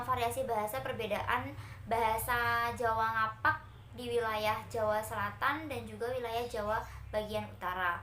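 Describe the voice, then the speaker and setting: The recording is echoey, with a faint hiss or hum, as a young woman presents to her class, explaining each step and hesitating frequently with fillers. She's a university student from Central Java, Indonesia, and her voice is on the high side with a sharp tone.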